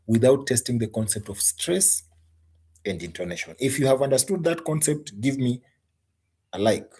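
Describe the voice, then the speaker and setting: A man's voice: mid-range voice, darkish tone, breathy edge. A man with a Kenyan English accent teaching an exam-prep English lesson, emphatic and often repeating words.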